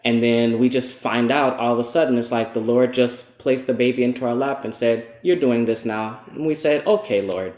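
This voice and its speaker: A man's voice: medium pitch, little pitch movement, a little fast, few pauses, darkish tone. Easygoing young man in an echoey room. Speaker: vlogger sharing family news. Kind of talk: casual chat to camera. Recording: roomy echo.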